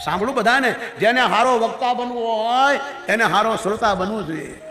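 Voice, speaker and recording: High, bright-voiced male preacher in an echoey hall. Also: fairly quick, soft background music. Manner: animated storytelling, acting out characters' voices. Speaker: religious storyteller. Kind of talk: devotional katha sermon.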